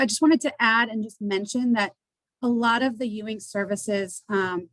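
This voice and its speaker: A woman's voice: mid-range voice, no echo, rough recording. A woman from a community agency presenting at a forum, explaining services in a hesitant way with frequent ums and restarts. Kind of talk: panel presentation. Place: indoor meeting.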